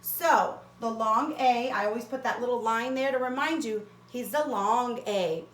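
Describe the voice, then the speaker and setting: A woman teaches young children to read, and she stretches each letter sound slowly and encourages them warmly. Her voice sits a little high. The room around her rings with echo. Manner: slow, sounds out letters and words; cheerful and encouraging. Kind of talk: phonics lesson for young children.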